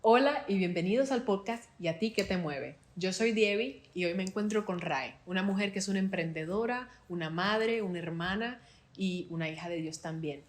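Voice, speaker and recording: A woman's voice: mid-range voice, moderate pace. A young Cuban woman with a Cuban Spanish accent, hosting a podcast and asking questions in a friendly, conversational way. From Cuba. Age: young adult. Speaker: podcast host. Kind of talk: podcast interview.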